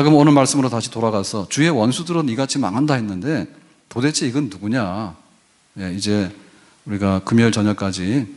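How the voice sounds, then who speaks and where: An older man preaching a sermon as pastor in a church, folksy and conversational, rising to emphatic peaks. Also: lowish voice. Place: church sanctuary.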